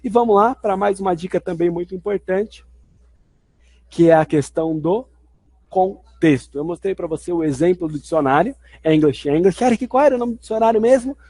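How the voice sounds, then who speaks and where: A man's voice: high voice, moderate pace, dark tone, dry recording. A man teaching a video lesson in an explanatory way, restating each point twice. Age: adult. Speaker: language teacher.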